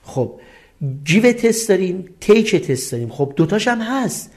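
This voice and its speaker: A man's voice: high-pitched, big pitch swings, a little mellow. A middle-aged man with a Persian accent, teaching a recorded English lesson and explaining each point step by step, asking questions and answering them himself.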